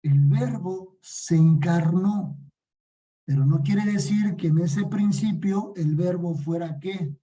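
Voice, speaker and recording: A man with a Mexican accent teaches a Bible study class, putting questions to his listeners and answering them himself. His voice is very dark and mellow, with a slightly husky edge. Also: sits high, takes it slowly, poor audio. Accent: Mexican Spanish. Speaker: discipleship teacher.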